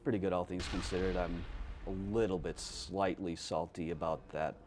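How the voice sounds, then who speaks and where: Low-voiced offhand male speedrunner. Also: fairly even intonation, normal speed, music in the background. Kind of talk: casual commentary while playing.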